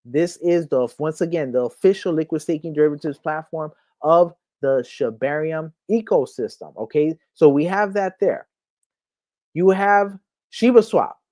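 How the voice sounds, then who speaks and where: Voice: mid-range voice, normal speed, mellow, no room sound. Crypto host going thru the screen all hyped, keeps saying okay?, calls viewers my people, dry close sound. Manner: hyped, keeps repeating "okay?" and "right here". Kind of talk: screen walkthrough commentary.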